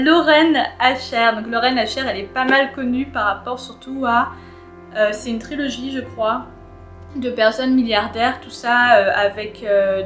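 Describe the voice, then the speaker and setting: A woman's voice: on the high side, a bit bright, roomy sound. A young woman chatting casually about her reading plans, rambling with many fillers and restarts. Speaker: booktuber. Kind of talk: casual chat.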